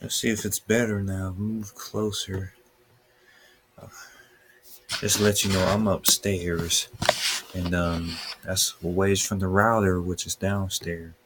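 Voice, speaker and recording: Low-voiced man narrating weather casually. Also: level tone, takes it slowly, a bit bright, slight background noise. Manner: loose and unscripted, talking through his screen while he waits on it. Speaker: weather livestreamer. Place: upstairs room at home. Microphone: webcam.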